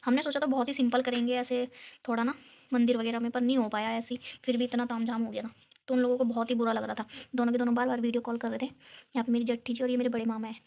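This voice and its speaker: Filmed on her phone at home, this young Uttarakhand woman giggles through a casual chat as she flips through a photo album for her viewers. She talks quickly on the high side with little pitch movement, and her darkish voice comes across in lo-fi sound.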